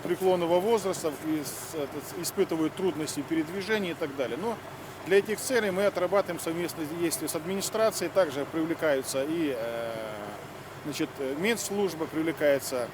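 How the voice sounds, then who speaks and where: A man speaking as a fire service official in an interview, halting and formal, with many filler words. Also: a little high. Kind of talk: interview explanation of a drill. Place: outdoors near fire vehicles. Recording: outdoor recording with vehicle noise.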